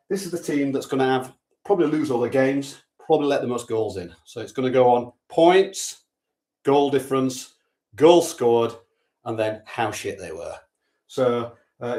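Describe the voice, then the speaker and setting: A man's voice: mid-range voice, a little mellow, recorded from a distance. A man hosting a sweepstake draw in a casual, chatty way with dry, offhand humour. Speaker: sweepstake host. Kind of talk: casual live draw commentary. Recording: echoey room, voice off-mic.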